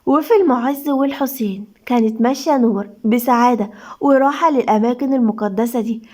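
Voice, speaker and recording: A woman's voice: fairly high pitch, a little fast, dark tone. A woman with an Egyptian accent, a storyteller and channel host, reading a serialized love story with dramatic cues. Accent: Egyptian Arabic. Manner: dramatic, reads out stage cues. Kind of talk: scripted narration of a serialized story.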